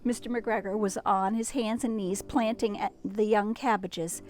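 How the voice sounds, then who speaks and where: Outdoors in a garden, a woman reads a children's story aloud in an expressive, teacherly style at a moderate pace and medium pitch. She adds chatty asides and asks the young listeners questions.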